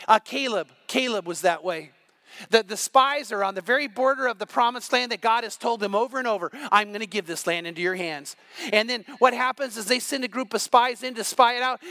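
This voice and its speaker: A male pastor delivers a morning sermon with a strikingly high voice. His tone is bright and forceful, driving each point home with emphatic repetition. The sound is dry and close, with no room echo. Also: gravelly. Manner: energetic, emphatic preaching with repetitions.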